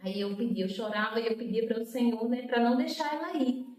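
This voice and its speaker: A fast-talking woman with a slightly mellow voice shares her emotional personal story as a guest. Storytelling all the way through, she acts out quoted speech with a rise in pitch. The audio comes through an echoey room with the mic placed at a distance.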